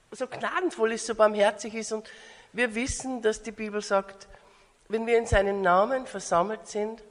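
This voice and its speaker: An Austrian woman with an Austrian German accent, preaching a guest sermon in earnest, rising, emphatic tones. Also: medium pitch. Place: church hall. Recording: long church hall reverb.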